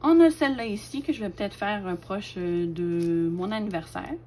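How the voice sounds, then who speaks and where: A woman, casually showing off her craft collection, chatty and hesitant with lots of fillers and soft laughs. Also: mid-range voice, moderate pace, slight background noise. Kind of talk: casual show-and-tell.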